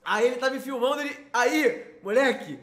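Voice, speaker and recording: Rio-young man, host, high voice, excited slangy storytelling with lots of swearing. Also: moderate pace. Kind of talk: casual storytelling.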